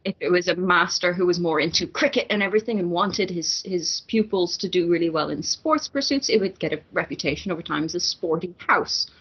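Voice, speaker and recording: A woman argues her case step by step in a casual barstool debate over drinks, speaking fairly quickly with hardly any pauses. Her voice is lowish, husky and a bit bright, and the lo-fi recording sounds dull.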